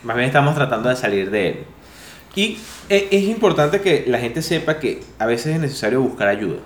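A man's voice: medium pitch, big pitch swings, normal speed, a little hiss or hum. A man co-hosting a casual podcast, swinging between teasing jokes and earnest advice. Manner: joking, then earnest advice-giving. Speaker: podcast co-host. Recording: echoey room.

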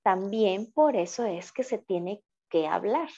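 A woman's voice: medium pitch, lively intonation, slow, dark tone. A woman, co-hosting a podcast and explaining her view in an earnest, casual way. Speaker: podcast co-host. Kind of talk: casual chat. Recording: slightly dull, muffled audio.

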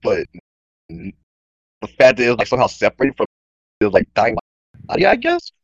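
Excitable bro-slinging guy, slightly dull mic. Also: mid-range voice, a little fast, husky, no echo. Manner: excitable, slangy, peppered with bro. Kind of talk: casual gaming chat.

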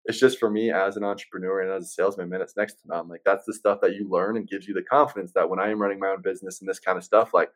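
Lower-voiced easygoing salesman. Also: steady tone, very fast, hardly any pauses. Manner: easygoing, salesman-like explaining, says man and right often. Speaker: software sales rep as interview guest. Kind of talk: casual chat.

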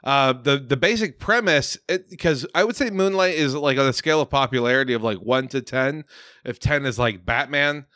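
A man's voice: medium pitch, moderate pace, sharp tone, dry recording, studio quality. A man in casual podcast chat, sardonic and profane, often laughing mid-sentence while reacting to trailers. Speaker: podcast co-host.

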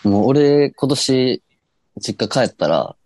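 A man's voice: mid-range voice, sing-song, slow pace, a little mellow, a little hiss or hum. A man in his twenties with a Kansai accent, chatting casually as co-host of an amateur radio show. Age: 20s. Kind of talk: casual banter.

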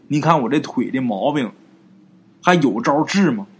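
A man's voice: medium pitch, lively intonation, normal speed, a little mellow, slight background noise, natural voice. A man voicing a worried, earnest middle-aged villager with a bad leg, pleading with a healer.

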